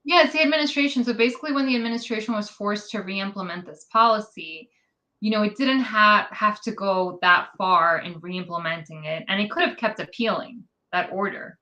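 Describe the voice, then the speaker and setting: A woman's voice: mid-range voice, a little fast, pushed and bright, rough recording. A woman from New York City, an immigrant rights advocate, giving articulate, detailed interview answers with frequent ums.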